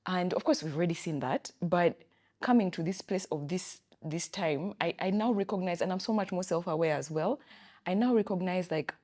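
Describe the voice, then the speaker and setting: A woman's voice: on the low side, normal speed. A woman around thirty with a Ugandan English accent, co-hosting a casual chat podcast and talking reflectively about her feelings. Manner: reflective, animated storytelling with quoted inner thoughts. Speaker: podcast co-host.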